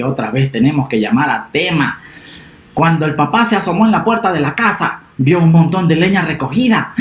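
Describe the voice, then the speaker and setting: Lively kids storyteller, voice jumps all over, echoey room. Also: medium pitch. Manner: animated, expressive, talks to children directly. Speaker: children's storyteller. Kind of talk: children's story narration.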